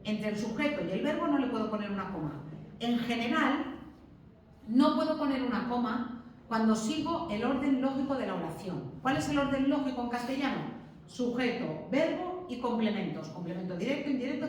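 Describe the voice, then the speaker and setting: A woman's voice: a little high, distant mic. A woman from teaching a classroom lesson on punctuation, explaining patiently and often checking in with tag questions. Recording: very echoey room, voice from afar, faint background noise.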